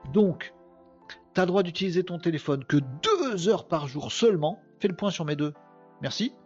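Joking French podcast host, dull audio. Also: male voice, fairly high pitch, lively intonation, moderate pace, husky, faint music behind. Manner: joking, self-interrupting, talks to chat. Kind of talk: casual live commentary on news.

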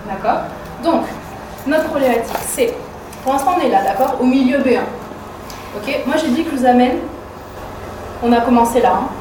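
A woman's voice: sits high, normal speed, long pauses. A woman teaching a French class who keeps checking that her students follow with "okay?". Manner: checks understanding with frequent "d'accord?" and "ok?". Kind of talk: leading a classroom lesson. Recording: far-off echoey classroom with background noise.

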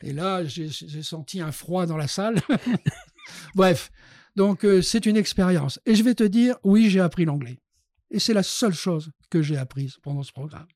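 Man, 60s, from France, interview guest, storytelling, laughing, high-ish mellow voice, dry close mic. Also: unhurried, no echo. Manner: animated anecdotes, laughs often, hesitant fillers. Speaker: guest, dental surgeon.

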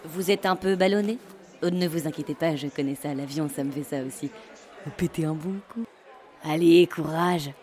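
A woman's voice: deep voice, normal speed, darkish tone, some chatter behind, lightly acted. A woman playing a chatty customs officer. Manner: familiar, matter-of-fact advice. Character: chatty female airport customs officer, nothing surprises her.

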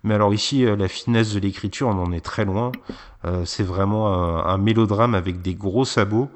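Low-voiced man reviewing films. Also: moderate pace. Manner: hesitant, many fillers. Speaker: film podcast co-host. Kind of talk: casual film review chat.

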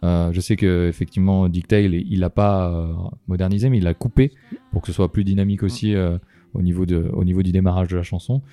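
A man's voice: low voice, fairly even intonation, fast, dark tone. A man chatting casually about film as a podcast co-host, hesitant with many fillers and restarts, tired late at night.

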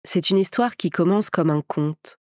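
A woman's voice: on the low side, moderate pace, darkish tone, no room sound, clean studio sound. A woman hosting a podcast, narrating a scripted story in a theatrical storyteller's way. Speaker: podcast host and actress. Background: music.

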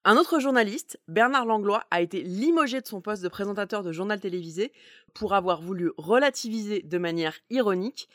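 A woman's voice: medium pitch, lively intonation, fairly quick, a bit bright, no echo. Wry woman presenter, dry close sound. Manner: conversational, wry asides. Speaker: podcast host. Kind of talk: semi-scripted storytelling narration.

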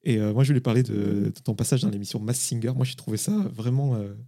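Husky, creaky-voiced male interviewer. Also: fairly low pitch, fast. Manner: relaxed, informal, hesitant fillers. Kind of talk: casual interview questions.

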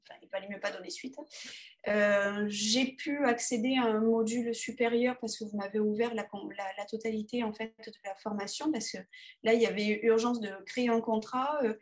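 A woman, an underwater photographer being interviewed, talking casually with many pauses and restarts. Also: on the high side, steady tone. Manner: hesitant, many fillers and restarts.

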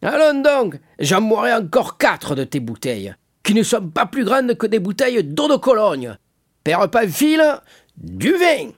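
A man's voice: wildly swooping pitch, unhurried, heavily acted. A man voicing a boisterous drunken tavern companion in an audiobook reading, with a slurred, boastful manner and a raised voice. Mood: indignant. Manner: slurred, boisterous, high-pitched.

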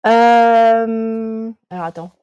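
A woman's voice: on the high side, steady tone, very slow, dark tone, no echo, dull audio. A woman in her thirties, a climber guest on a podcast, chatting casually and hesitantly with many fillers and restarts. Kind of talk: casual interview chat.

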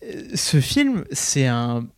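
A man's voice: medium pitch, very animated, slow, no echo. Hesitant French man, dry close sound. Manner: hesitant, many fillers and restarts. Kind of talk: casual film discussion.

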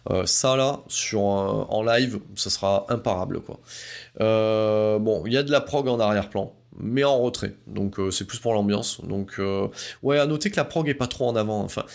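Gravelly man chatting through a review. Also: on the low side, normal speed. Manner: hesitant, many fillers and restarts; enthusiastic, informal slang. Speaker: music reviewer. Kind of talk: casual spoken album review.

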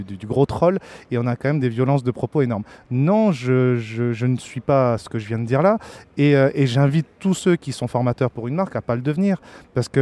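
A man speaking as a podcast guest, talking in a halting way with many restarts. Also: mid-range voice, mellow. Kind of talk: casual conversation.

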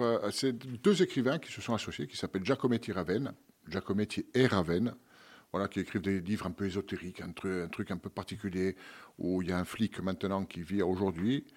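A deep, husky male radio guest who talks haltingly. He fills his answers with hesitations and keeps repeating words as he searches for what to say. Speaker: guest, charity volunteer.

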